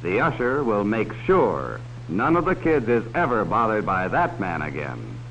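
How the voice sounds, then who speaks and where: Playing the 1950s film's cautionary narrator, a man warns children about strangers in a full character voice, folksy and direct, with leading questions. His fairly low pitch swings wildly and sounds a bit bright at a measured pace. The film soundtrack is dull and hissy.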